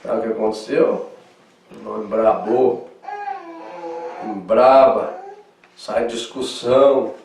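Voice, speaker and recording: A man with a southern Brazilian accent preaching in Sunday school, animated, swinging between loud emphasis and soft asides. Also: lowish voice, slow, long pauses, far from the mic, faint music behind. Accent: southern Brazilian Portuguese. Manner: acts out quoted dialogue in lively voices. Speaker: pastor. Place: church hall. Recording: echoey church hall, mic from afar.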